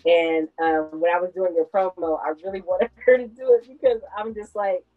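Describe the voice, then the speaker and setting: On phone-quality audio, a podcast host in her thirties talks at a moderate pace in a lowish voice with fairly even intonation. She's reflective and conversational, working through ideas in long explanations during a relaxed chat.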